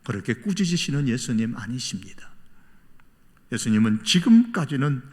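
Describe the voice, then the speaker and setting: A male pastor preaching a sermon, swinging between loud exhortation and hushed whispers. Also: medium pitch, very animated, moderate pace. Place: church sanctuary. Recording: long reverb of a church hall.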